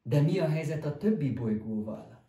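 A man doing an eccentric scientist who loves to lecture and savors every word, in a dark, mellow storybook voice. He sounds roomy and a little distant from the mic. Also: mid-range voice, lightly acted. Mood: eager, lecturing. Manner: theatrical, relishing his own lectures. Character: gleeful eccentric male scientist teaching boys.

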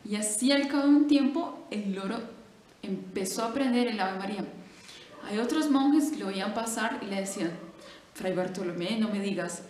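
Woman storyteller, lively and casual, fairly high voice; echoey room. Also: normal speed. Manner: lively, animated, conversational with fillers. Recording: echoey room with faint noise.

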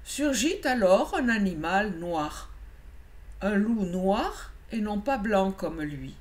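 A woman reading a children's picture book aloud, unhurried and expressive. Her voice moves widely up and down as she tells the story at a gentle, slow pace. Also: medium pitch.

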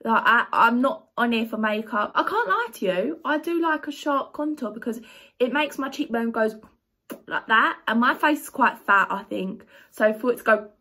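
A young woman talks straight to camera in a casual vlog, reading out viewer comments and firing back. Her voice sits a little high, and her delivery is chatty, blunt and dryly sarcastic. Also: lively intonation, normal speed, pushed and bright. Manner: reads comments aloud, then reacts. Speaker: YouTuber answering viewer comments.

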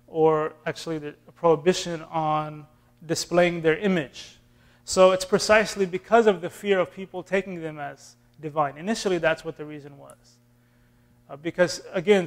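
An imam in his thirties from Austin, Texas teaches an intro class, answering questions in a relaxed, classroom manner with fillers and restarts. His voice is fairly high, and he's filmed by a distant camera in a community center room.

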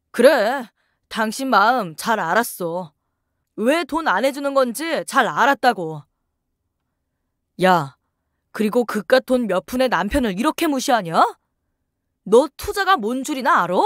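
A woman voicing an angry, pushy husband who demands money and shouts. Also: medium pitch, no room sound, clean studio sound, natural voice.

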